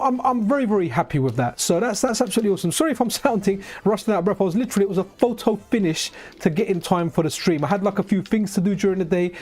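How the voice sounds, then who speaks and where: Hosting a live retro gaming stream, this high-voiced man chats with excitement, frequently starting over and throwing in asides for his audience.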